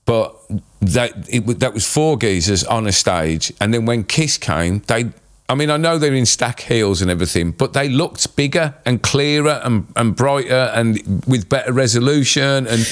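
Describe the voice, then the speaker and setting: A man in his fifties with an English accent and a hoarse voice, chatting casually as a co-host in a rambling, matey, sweary way. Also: mid-range voice, expressive, normal speed. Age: 50s. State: hoarse from screaming at a concert. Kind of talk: casual chat.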